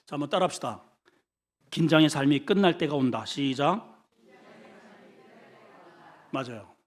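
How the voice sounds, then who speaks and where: A middle-aged man, a senior pastor, preaching an animated sermon and having the congregation repeat lines after him. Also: a little high, measured pace. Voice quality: mock shouts for comic voices. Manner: animated storytelling, leads the congregation in call-and-repeat.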